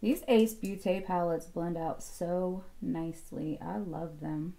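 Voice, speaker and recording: A woman's voice: on the low side, steady tone, slow, gravelly, mellow. A woman in her thirties chatting casually through a makeup tutorial at home, rambling and thinking aloud with lots of fillers. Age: 30s. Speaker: beauty vlogger.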